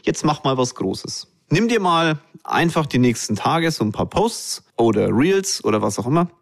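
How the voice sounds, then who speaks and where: A man hosts a podcast alone, ranting bluntly and colloquially as he speaks straight to his listeners. His pitch swings up and down a lot, so the talk sounds lively and animated. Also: moderate pace, vocal fry. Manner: addresses listeners directly. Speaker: podcast host. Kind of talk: monologue podcast commentary.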